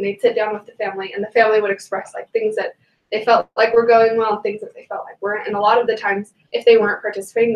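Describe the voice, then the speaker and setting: A young woman, a student, chatting in a group discussion, full of fillers and quick to laugh. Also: medium pitch, muffled recording. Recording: echoey room, recorded from a distance.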